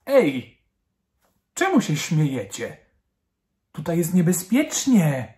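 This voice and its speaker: Brief: man plays a spirited small girl for a kids' story, loud and urgent, stretched slowly. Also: a little high, exaggerated voice. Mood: eager. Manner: excited, urgent, raised voice. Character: lively spirited little girl.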